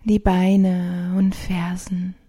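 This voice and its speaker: A woman narrating a guided sleep meditation in a soft, hushed, soothing, partly whispered voice with long pauses, like a sleep story narrator. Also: on the low side, completely flat delivery. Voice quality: soft, breathy.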